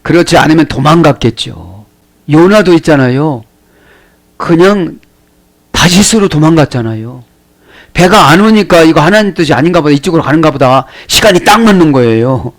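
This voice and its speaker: A man's voice: fairly high pitch, expressive, moderate pace. A man, a pastor giving a Bible study sermon, explaining words one by one and asking the listeners rhetorical questions.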